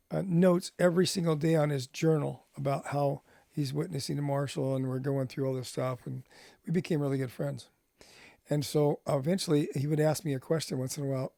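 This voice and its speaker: Gravelly storytelling man. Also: fairly high pitch, no room sound, studio quality. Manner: animated, acts out both sides of conversations. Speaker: ministry speaker. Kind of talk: storytelling testimony.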